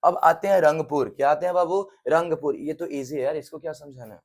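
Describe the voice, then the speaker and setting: A man's voice: a little high, fairly quick. A male teacher giving an exam-prep history lecture. He talks in a colloquial, jokey way and keeps firing repeated questions back at his students. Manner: quizzes students with repeated call-and-response questions.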